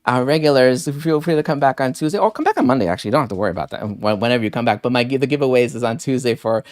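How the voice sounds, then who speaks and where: A man's voice: medium pitch, rapid-fire, a little mellow, no echo, studio quality. A man hosting a live deals stream, chatting casually and rambling with many fillers while thanking viewers by name. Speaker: livestream deals host.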